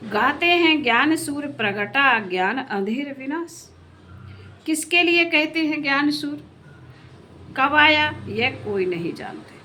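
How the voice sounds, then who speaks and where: A woman's voice: sits high, expressive, slow, sharp tone, slight background noise. A woman teaching a spiritual class, explaining a scripture reading in an earnest sermon and asking her listeners questions.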